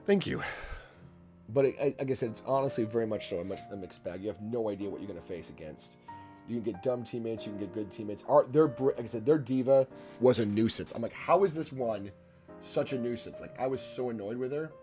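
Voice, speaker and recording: Faint music sits behind a lowish, warm male voice that moves quickly, a bit congested. He's a livestreaming painter in his home art studio, casually rambling to his chat with frequent restarts and asides.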